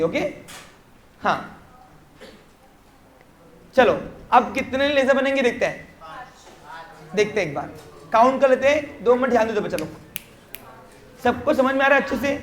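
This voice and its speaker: A man's voice: extremely high pitch, fairly bright tone. Hindi-speaking male teacher in an echoey classroom. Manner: keeps quizzing the class with short check questions; mixes English terms into Hindi explanation. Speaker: commerce teacher. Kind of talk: classroom lecture. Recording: roomy classroom echo.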